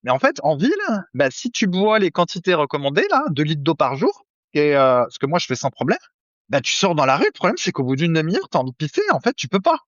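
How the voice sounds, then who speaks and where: A man's voice: on the high side, very animated, fast, fairly bright tone, dry recording, dull audio. A man co-hosting a nutrition podcast, chatting casually with many fillers and jokey asides. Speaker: podcast co-host. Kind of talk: casual chat.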